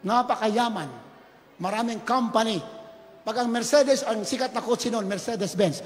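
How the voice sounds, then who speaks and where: High-voiced fervent male preacher in a hall. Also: moderate pace, slight background noise. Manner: fervent, bursts into shouted praises, mixes in English phrases; chuckles while telling stories. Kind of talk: sermon.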